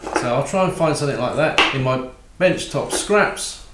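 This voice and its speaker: A man giving a calm, practical woodworking tutorial while he works at a bench in his home workshop. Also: medium pitch, moderate pace, echoey room, background noise. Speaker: woodworking instructor.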